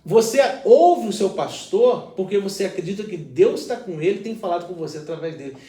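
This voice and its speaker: A man speaking as a pastor in a relaxed conversational reflection, his voice high and very animated. He explains earnestly and leans on everyday examples. The sound is roomy and he sits a little away from the mic. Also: brisk, far from the mic.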